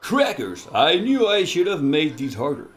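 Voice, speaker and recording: A man voicing a scheming duck quiz show host from a video game, with slow, theatrical, gloating villain menace. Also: on the high side, huge pitch swings, soft background music, voice pushed up. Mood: thwarted menace. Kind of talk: reading game dialogue in character.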